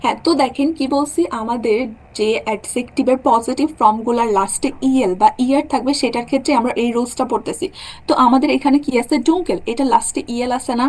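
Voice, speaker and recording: A woman's voice: a little high, fast talker, a little mellow. A young woman teaching a German class, explaining rules step by step and often checking that her students follow. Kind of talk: online class lecture.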